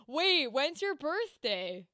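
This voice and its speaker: A woman's voice: sits high, big pitch swings, takes it slowly, sharp tone, dry recording, studio quality. Blunt, swearing young woman. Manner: blunt, swears a lot, laughs often. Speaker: podcast co-host. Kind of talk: casual chat.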